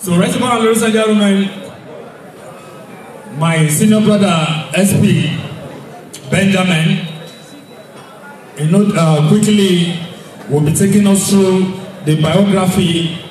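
A man's voice: high voice, slow, pauses often, a little mellow. A man acting as master of ceremonies, calling out an introduction to the crowd. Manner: drawn out, calling out. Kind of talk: public announcement. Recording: very echoey hall from far off.

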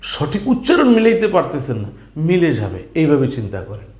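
Lively man teaching spelling. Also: a little high, brisk. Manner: lively, asks questions and answers them, drawls syllables. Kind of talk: spelling lesson. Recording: echoey room.

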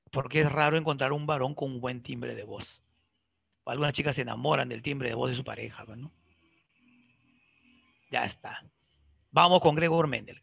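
In this close, dry recording with no room sound, a male biology teacher runs a lively lecture, firing questions straight at his students and cracking jokes. His voice sits slightly high, with a bright, gravelly quality.

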